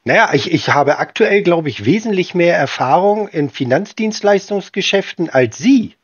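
A man in an informal phone conversation, blunt and insistent, often repeating himself, with a husky voice. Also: high-pitched, animated, normal speed. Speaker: prank caller baiting scammers. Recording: slightly dull, lo-fi call audio.

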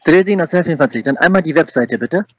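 A man's voice: on the high side, expressive, racing, slightly rough, no room sound. A man receiving a sales call on a crackly cordless phone line, who presses the caller with repeated questions. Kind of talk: phone conversation. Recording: muffled distant phone audio.

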